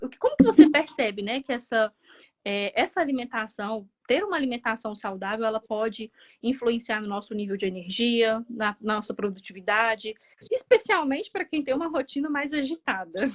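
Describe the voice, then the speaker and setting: A woman's voice: fairly high pitch, animated, brisk. A woman host with a Brazilian Portuguese accent, chatting in a live interview with many hesitant restarts.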